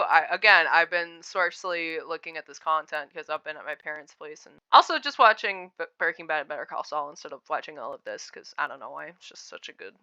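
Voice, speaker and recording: A woman's voice: on the low side, bright, forceful tone, clear, resonant tone, no echo. A woman giving casual, rambling reaction commentary, opinionated and full of digressions. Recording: dull lo-fi sound, dry.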